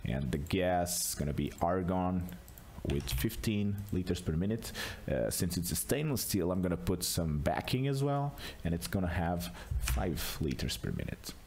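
A man with a low voice demonstrates software in an unscripted screencast tutorial, explaining things casually step by step. There's a little hiss or hum in the audio.

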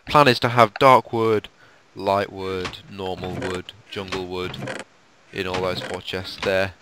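Casting: low-voiced male let's-player, tired and croaky, chatty tour-guide delivery, faint hiss. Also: flat delivery, takes it slowly, fairly bright tone. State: sleepy, croaky late-night voice. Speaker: let's play co-host. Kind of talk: casual gameplay commentary.

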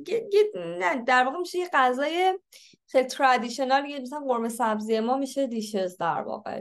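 A woman teaching an English textbook lesson, reading English lines slowly and explaining them quickly. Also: high voice. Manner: switches between slow read-aloud English and quick explanations.

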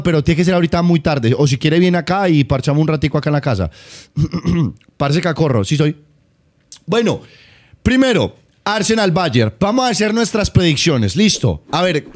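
A young man from Colombia with a Paisa accent, chatting excitably on a home live stream, swearing and teasing. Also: a little high. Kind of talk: casual live-stream chat.

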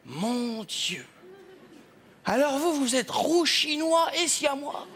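A man's voice: very high-pitched, sing-song, slow, noisy background, heavily acted. A man playing a fussy, mock-polite male census clerk at a counter in a stage comedy sketch, with stammering fillers. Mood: officious.

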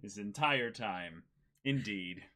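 A man's voice: lowish voice, slow pace, crowd noise. A man co-hosting a stream in casual chat, playful with mock-formal asides. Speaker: streamer and co-host.

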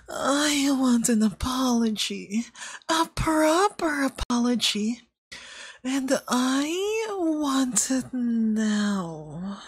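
A woman gives an exaggerated, high-pitched performance of a possessive femboy yandere boyfriend in ASMR roleplay. She sounds soft, breathy and cloying, coaxing with veiled menace, on a dry recording.

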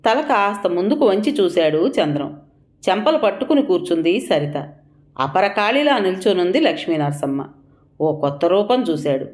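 Low-voiced woman reading a story aloud. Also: big pitch swings, moderate pace, a little mellow. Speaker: narrator. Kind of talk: storytelling narration.

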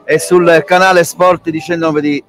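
A middle-aged man reports live from a football stadium for a pre-match show, speaking fluently with a few fillers. His voice sits fairly high, and faint music plays behind him. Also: level tone, unhurried, a bit bright. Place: stadium, outdoors.

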